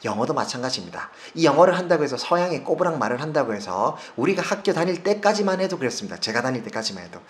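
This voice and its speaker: A man's voice: mid-range voice, sing-song, quick pace, hardly any pauses. A man from South Korea, in his forties, teaching English pronunciation in a video lesson, repeating sounds for drills with emphasis.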